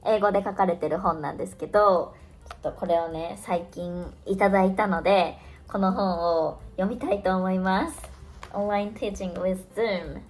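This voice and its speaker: A young woman in her twenties talks casually through her day as an online teacher, thinking aloud and drawing out words as she goes. Her voice sits at an ordinary middle pitch, with soft music faintly underneath. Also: fairly even intonation, moderate pace. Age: 20s. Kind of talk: casual vlog narration.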